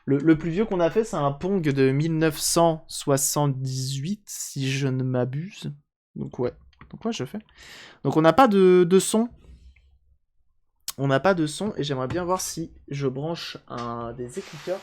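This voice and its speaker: A man's voice: on the high side, measured pace, darkish tone. A man chatting casually on a live stream while repairing a handheld console, joking and answering chat aloud.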